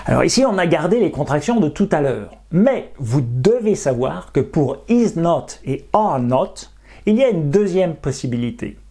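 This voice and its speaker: A teacher giving a beginner English lesson in clear, step-by-step explanations, slowing down to pronounce each English example carefully. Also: mid-range voice, sing-song, warm tone.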